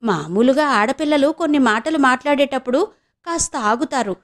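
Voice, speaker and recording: A sly, scheming old mother, voiced by a woman narrator in an audio novel. She drags out her words in a slow, insinuating drawl, her voice sitting fairly high. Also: lively intonation. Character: scheming elderly village mother, sly and blunt.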